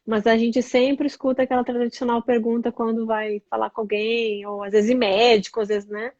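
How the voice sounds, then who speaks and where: A woman's voice: on the high side, level tone, moderate pace, a little mellow, no room sound, dull audio. A woman from southern Brazil, a blogger and tour guide, chatting as an interview guest and explaining things with many tag questions. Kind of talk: casual interview over a call.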